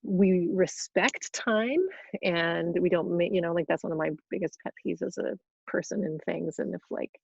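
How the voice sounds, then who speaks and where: Chatty gravelly-voiced woman on a webinar. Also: fairly low pitch, fairly even intonation, moderate pace, no echo, lo-fi sound. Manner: chatty, bubbly, with frequent restarts and laughs. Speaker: yoga teacher trainer hosting a webinar. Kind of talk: casual live Q&A, reading questions aloud. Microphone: video call.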